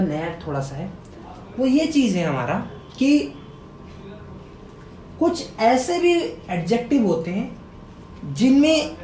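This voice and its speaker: High-voiced male teacher, echoey room. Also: darkish tone. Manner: quizzes viewers, repeating key words as questions; spells and sounds out words slowly. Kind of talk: grammar lesson to camera. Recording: echoey room with faint rumble.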